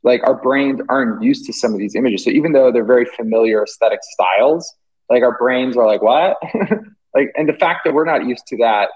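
A man's voice: medium pitch, fairly quick, darkish tone, breathy edge, low-quality recording. A British man, an artist guest, talking casually and hesitantly with many fillers and restarts. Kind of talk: casual interview chat.

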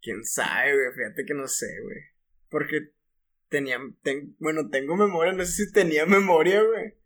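A man's voice: fairly high pitch, moderate pace, fairly bright tone. A man with a northern Mexican accent, co-hosting a podcast in casual chat, with laid-back slangy banter. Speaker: podcast co-host.

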